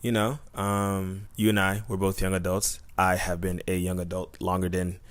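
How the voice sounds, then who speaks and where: A Tampa, Florida man in his twenties co-hosts a casual podcast, joking, rambling, and saying "you know" a lot. His voice is low and monotone at a moderate pace, with no echo.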